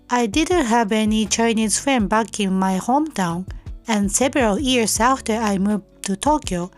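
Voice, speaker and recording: A young Japanese woman hosting her own podcast, reading a prepared self-introduction in careful, measured non-native English. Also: mid-range voice, a little mellow. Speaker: podcast host. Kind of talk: scripted solo podcast narration.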